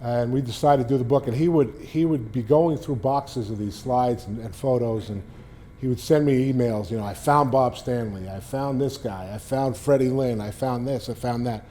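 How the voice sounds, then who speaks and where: A man's voice: medium pitch, moderate pace, dark tone. A man in his sixties with a Boston accent, telling rambling anecdotes with many restarts to a library audience. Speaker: guest speaker, former sports beat writer. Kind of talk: casual storytelling talk to a library audience. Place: public library talk.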